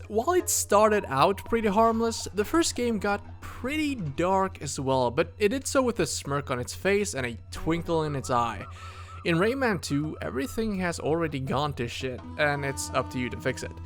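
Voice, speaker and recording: A man's voice: on the high side, expressive, moderate pace, faint music behind. Sarcastic male game reviewer. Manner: sarcastic, swears casually. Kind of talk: scripted video essay narration.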